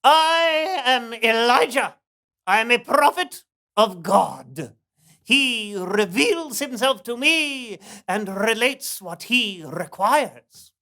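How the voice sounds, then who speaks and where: A solemn, earnest prophet, slowish measured lines, fairly high voice. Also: female voice, animated, pushed and bright, full character voice. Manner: formal, earnest, slow proclamations. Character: earnest prophet Elijah, grown man.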